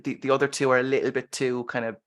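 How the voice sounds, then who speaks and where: A man's voice: medium pitch, flat delivery, fast talker, a bit bright. An Irish man hosting a casual film discussion podcast, chatting and recapping scenes. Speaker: podcast host.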